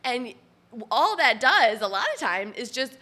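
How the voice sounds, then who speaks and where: In her late forties, a woman who works as a personal trainer chats casually on her own solo podcast, full of fillers and little laughs. Her voice is a little high and a bit nasal from allergies, bright and forceful, very animated yet unhurried.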